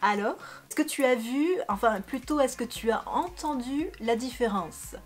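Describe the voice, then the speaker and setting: A woman's voice: fairly high pitch, lively intonation, moderate pace, soft background music. A young woman vlogger chatting bubbly and self-mocking, with many fillers, into a studio microphone in her bedroom. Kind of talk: casual chat.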